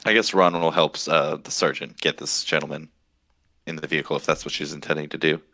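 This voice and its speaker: A man playing in a tabletop game, speaking calmly and in a matter-of-fact way. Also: very deep voice, a little fast, vocal fry, no room sound. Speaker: player.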